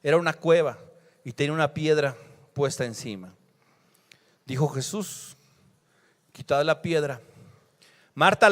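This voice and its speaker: A man preaches from the pulpit, and his voice sits high for a man. He moves from forceful, raised emphasis to quiet, hushed reading. A long reverb trails behind him in a church hall. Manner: dramatic swings between loud emphasis and hushed, quiet reading. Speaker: pastor. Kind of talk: sermon.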